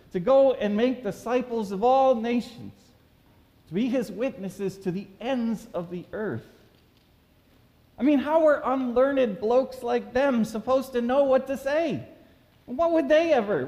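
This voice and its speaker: A man preaching a sermon as pastor, reading scripture aloud and then telling a story with animated emphasis, recorded in a church sanctuary. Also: high-pitched. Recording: church with long reverb.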